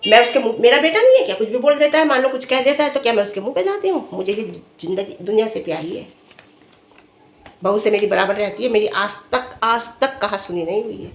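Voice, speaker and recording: A woman's voice: fairly high pitch, animated, fast talker, roomy sound. A middle-aged woman vlogger giving direct-to-camera commentary, earnestly lecturing and scolding with rhetorical questions. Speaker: vlogger commenting on another family's dispute.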